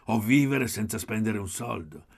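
A man doing a loud, sharp-tongued young man. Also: on the low side, animated, normal speed, gravelly, pitched above the performer's own voice. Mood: needling, loud. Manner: raised, emphatic, needling. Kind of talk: audiobook character voice.

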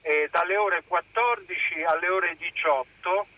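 A man's voice: high-pitched, sharp tone. Earnest man calling in by phone. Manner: polite, earnest, halting with fillers. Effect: voice heard over a phone line on a radio call-in. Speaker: radio phone-in caller. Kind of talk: formal phone-in appeal.

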